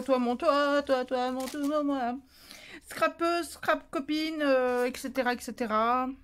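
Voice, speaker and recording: A woman with a fairly high voice walks through a paper-craft demonstration. Her talk is loose and chatty, full of restarts and thinking aloud, with a playful streak that slips into silly asides. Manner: chatty and rambling, thinking aloud while stamping. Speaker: paper-craft tutorial host.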